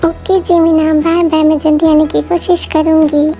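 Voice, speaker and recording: A woman's voice: sits high, level tone, moderate pace, warm tone, soft background music. A woman voicing a stubborn young woman who loves parties, in an amateur dubbed story.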